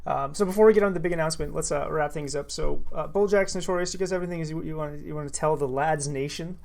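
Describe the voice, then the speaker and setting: Gravelly, swearing stream host man. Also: fairly high pitch, fast, a little mellow. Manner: loose, swearing, joking. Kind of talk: casual live-stream chat.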